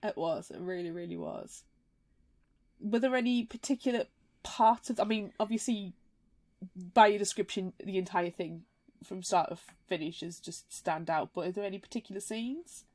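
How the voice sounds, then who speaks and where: A woman's voice: mid-range voice, normal speed, darkish tone. Emphatic woman co-hosting a book podcast. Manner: emphatic and heartfelt, with repeated restarts. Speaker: podcast co-host. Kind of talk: casual book discussion.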